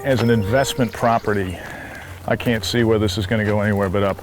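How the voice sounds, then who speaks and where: A man's voice: fairly low pitch, steady tone, fairly quick, over music. A man, a property developer, giving a casual sales tour of a site. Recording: location sound, some ambient noise.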